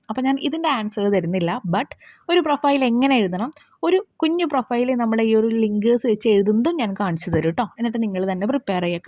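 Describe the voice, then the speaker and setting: A woman teacher walking students through exam answers, reading questions slowly and carefully, then explaining briskly. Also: medium pitch, darkish tone, no room sound.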